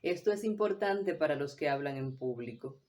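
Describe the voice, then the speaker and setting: A woman teaching a voice workshop in a measured, deliberate way, now and then acting out short examples. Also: deep voice, lively intonation, a little mellow. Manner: measured, deliberate delivery with brief acted examples. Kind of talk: scripted instructional talk.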